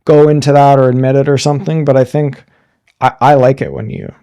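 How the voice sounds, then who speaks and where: Man in his thirties with a mellow voice. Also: mid-range voice, level tone, brisk, smooth. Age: 30s. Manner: frank, joking, thinks aloud with restarts. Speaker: podcast co-host. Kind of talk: casual chat.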